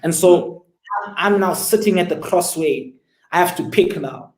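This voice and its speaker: A man's voice: high-pitched, unhurried, roomy sound, poor audio. A man, telling his story as an interview guest and pressing listeners with rhetorical questions. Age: 20s. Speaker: guest entrepreneur.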